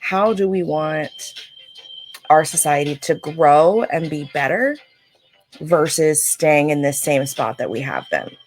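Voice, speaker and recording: On a livestream with faint music in the background, a woman reads oracle cards and talks casually and reflectively to viewers. Her low voice is expressive and slow, and her scratchy throat needs clearing.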